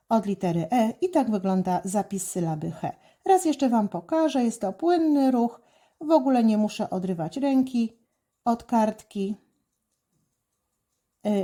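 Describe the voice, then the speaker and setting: A woman teaching children handwriting, explaining each stroke slowly and calmly, with frequent hesitation fillers. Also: on the high side. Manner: calm, deliberate, many "e" fillers. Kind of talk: slow step-by-step instruction.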